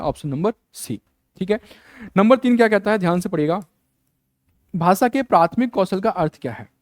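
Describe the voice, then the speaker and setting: High-voiced man giving an exam-prep lecture. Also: a little mellow, no room sound, clean studio sound. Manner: repeats key terms, asks the class rhetorical questions; casual, mixes English words into his speech. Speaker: teacher.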